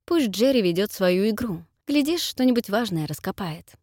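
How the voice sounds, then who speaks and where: A woman reads a story aloud in the first person, with an expressive delivery. Her pitch moves a lot, and the sound is dry and close to the mic. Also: moderate pace, no room sound. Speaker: audiobook reader. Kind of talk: first-person audiobook narration.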